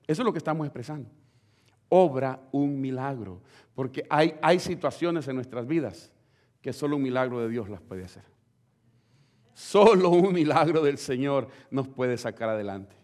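A male pastor preaching a fervent sermon to his congregation, swinging between loud and hushed lines. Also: mid-range voice, lively intonation, moderate pace. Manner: addresses the congregation directly.

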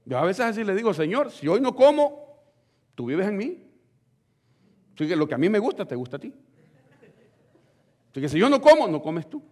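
A male pastor preaching a fervent sermon to his congregation, swinging between loud and hushed lines. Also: fairly high pitch. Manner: addresses the congregation directly.

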